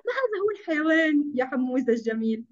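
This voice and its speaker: A woman leads an online class for small children, her voice pitched very high and swinging up and down. She coaxes the children with constant praise. The sound is dull, lo-fi video-call audio with a faint hiss behind it. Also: quick pace. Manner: animated, coaxing, heaps praise on children. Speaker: kindergarten teacher.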